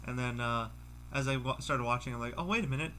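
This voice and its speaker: Bright-voiced young man, rambling casually. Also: medium pitch, slight background noise. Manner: halting, rambling, often repeats phrases. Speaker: podcast guest. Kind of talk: casual chat among friends.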